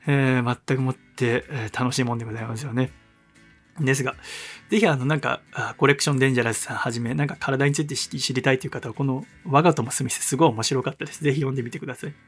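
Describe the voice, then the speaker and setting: A man's voice: medium pitch, steady tone, very fast, slightly rough, soft background music. A man hosting a radio show, telling a rambling story in a casual, chatty way full of fillers and reading listener mail.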